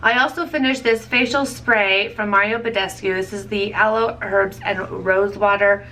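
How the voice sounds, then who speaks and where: Thirties woman vlogger, bright tense voice, a bit far from the mic, faint hum behind. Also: mid-range voice, fairly even intonation, normal speed. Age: 30s. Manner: chatty, rambling, self-correcting with small laughs. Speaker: beauty vlogger. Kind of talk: casual product review chat.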